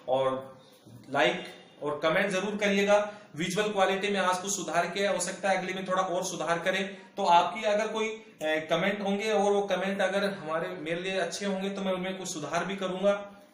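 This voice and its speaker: High-voiced man teaching in an echoey room. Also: fairly bright tone, recorded from a distance. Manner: patient and repetitive, drawing out example words. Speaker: English teacher. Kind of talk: whiteboard lesson explaining step by step. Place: classroom with a whiteboard.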